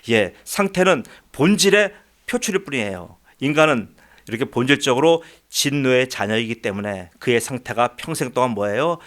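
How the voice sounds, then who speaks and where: A man's voice: mid-range voice, fairly bright tone. A man, the pastor, preaching a sermon in a church, emphatic, with rising peaks and frequent short affirming asides. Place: church sanctuary.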